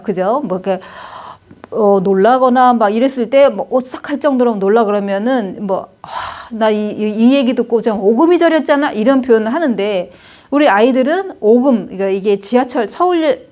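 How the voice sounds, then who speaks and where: A middle-aged woman lectures casually on Chinese characters, her voice a little high, animated and a little mellow at a normal speed. She's the Hanja lecturer, chatty and full of fillers and tag questions.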